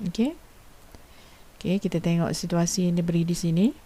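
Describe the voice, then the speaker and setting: Speaking at a moderate pace in a dark, lowish voice, a female teacher delivers a recorded lesson. She's patient and informal, frequently dropping in fillers while she puts questions to her students.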